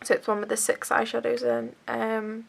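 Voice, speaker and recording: A woman's voice: fairly high pitch, monotone, moderate pace, gravelly. A young woman chatting through a beauty haul, bunged up with a cold and rambling with lots of fillers. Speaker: beauty vlogger. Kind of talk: casual haul chat.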